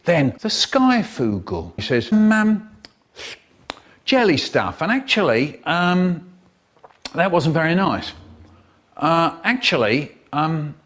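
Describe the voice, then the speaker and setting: Spliced-word male narrator, slow, wildly swinging pitch, choppy edits between words. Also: big pitch swings. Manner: jumpy, jarring shifts in pitch and loudness between words. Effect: spliced together word by word from clips.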